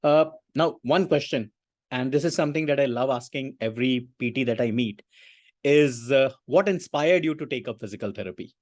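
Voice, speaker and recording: A man's voice: mid-range voice, moderate pace, darkish tone, no echo, studio quality. A man hosting a podcast interview, asking questions in a formal way with frequent hesitations. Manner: formal, hesitant with many uh fillers. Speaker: podcast host.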